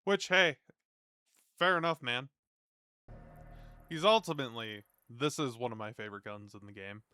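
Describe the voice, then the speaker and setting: Man, bright forceful voice, dry sound, casual streamer commentary, loose informal phrasing. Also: mid-range voice, normal speed, clean tone, no echo. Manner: informal, rambling, mildly sweary. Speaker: streamer reacting to a gaming video.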